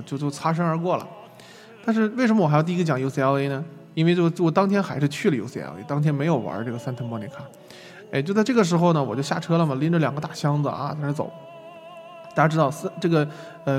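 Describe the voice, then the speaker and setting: A young man from China talks his class through a travel mishap at a brisk clip, his voice sitting a touch high. He mocks himself as he goes, and the recording rings with a long reverb over faint music. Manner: lively, self-mocking storytelling with laughs. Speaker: lecturer. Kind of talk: online lecture storytelling.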